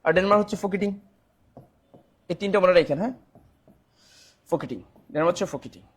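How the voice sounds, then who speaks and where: A man's voice: sits high, brisk, slightly rough. A man, teaching a live online exam-prep class. He quizzes viewers, repeats the answers and reads out the names of commenters.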